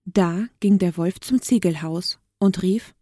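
A woman reading a children's story aloud, clear and gentle. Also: lowish voice, unhurried, no echo, clean studio sound.

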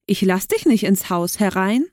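A woman voicing a small frightened piglet in a storybook reading, high and pleading. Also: expressive, normal speed, a little mellow, dry recording, clean studio sound, lightly acted.

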